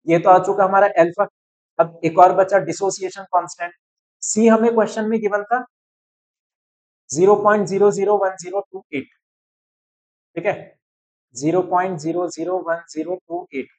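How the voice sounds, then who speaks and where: A man's voice: high voice, rough recording. A young man teaching chemistry, working through a calculation step by step and often checking that students are following. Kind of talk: chalkboard-style math walkthrough.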